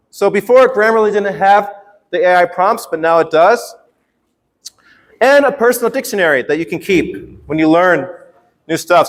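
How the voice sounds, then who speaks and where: A man teaching English in a casual, playful workshop style, often checking in with his students as he explains. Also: sits high. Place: large reverberant room at a university workshop. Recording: echoey hall with long reverb.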